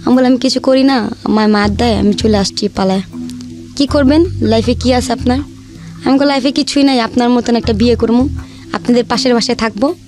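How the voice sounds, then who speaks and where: Her voice is fairly high and darkish, her tone steady and her pace fairly quick. This young woman, who has a Bangladeshi accent, casually recounts her life in everyday speech, performing the dialogue herself while music plays in the background.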